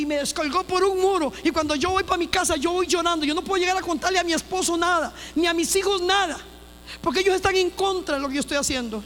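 Speaking in church, a woman pastor shares her personal testimony with emphasis, repeating phrases and restarting sentences. Her voice sits high and sounds a bit bright, and the recording carries a long hall reverb along with a faint mains hum.

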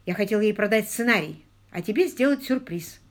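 A woman's voice: mid-range voice, expressive, brisk, lightly acted. A woman reading the part of a flustered young husband who talks in an earnest, pleading way.

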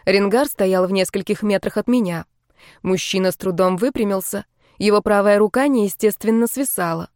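A woman narrating a first-person fantasy audiobook in an even, steady reading voice. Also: mid-range voice, moderate pace, no room sound, studio quality.

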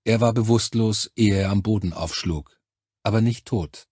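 A male audiobook narrator with a husky, fairly low voice, telling the story in the first person in a sober, measured way. The sound is dry and close to the mic, with no room around it. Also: darkish tone, dry recording.

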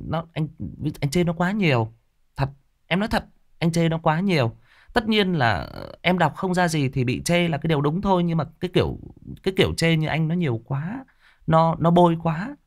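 A man with a Northern Vietnamese accent, an audiobook narrator speaking off the cuff and defensively to a critical listener, with many fillers and restarts. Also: medium pitch. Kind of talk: unscripted direct address to a commenter.

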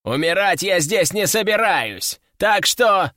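A haughty demon noble who sneers and scoffs at his opponent, pitched a little high and lively, as a man puts him on. Faint music sits under the audiobook reading. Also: slow pace, no room sound, studio quality, heavily acted. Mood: scornful. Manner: sneering, contemptuous. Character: arrogant male demon aristocrat, scornful.

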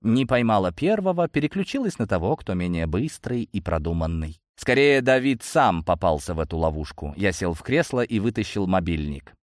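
A man's voice: low voice, big pitch swings, normal speed, hardly any pauses, no room sound, clean studio sound. A man narrating a first-person audiobook.

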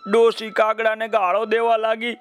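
A man narrates a children's folk tale in a lively, folksy manner and often turns to his listeners with chatty asides. His voice is high-pitched and bright. Faint music plays underneath. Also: moderate pace, smooth. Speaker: storyteller.

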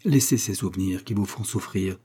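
A man's voice: sits low, moderate pace, mellow, husky. A man voicing a kindly, idealistic elderly scientist, declaiming with emphasis in a storybook reading. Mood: tender.

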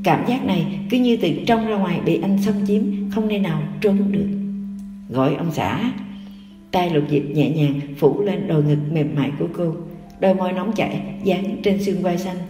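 Nữ người dẫn truyện tình cảm, giọng mềm và tối, đọc thong thả. Micro đặt hơi xa, tiếng vang kéo dài. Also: female voice, fairly low pitch, dark tone. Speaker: audiobook narrator. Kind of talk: scripted romance narration. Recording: roomy echo, distant mic, music.

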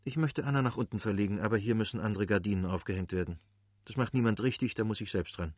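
A man reading as a brisk, mocking wife. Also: on the low side, expressive, darkish tone, no echo, clean studio sound. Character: brisk, mildly mocking married woman.

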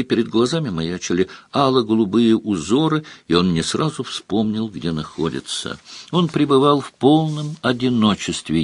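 Audiobook narrator: man with a low, husky voice and lively, expressive delivery. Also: no echo. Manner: expressive storytelling.

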